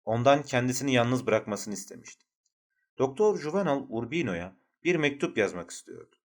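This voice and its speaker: A man's voice: mid-range voice, lively intonation, moderate pace. Man reading a novel aloud. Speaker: audiobook narrator. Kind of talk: scripted literary narration.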